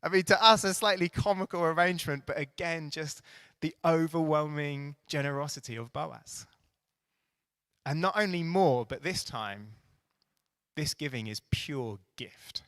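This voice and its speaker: Male preacher, lively with wry asides, bright tone. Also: fairly high pitch, measured pace, clear, resonant tone, dry recording. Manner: animated, playful asides, emphatic repetition. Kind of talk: sermon.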